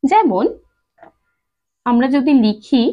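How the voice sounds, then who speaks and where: A woman teaching a language lesson to her students, patiently repeating and slowly spelling out each sound. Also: high-pitched, big pitch swings. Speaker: Sanskrit teacher. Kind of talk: spoken lesson addressed to students. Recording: dull lo-fi sound.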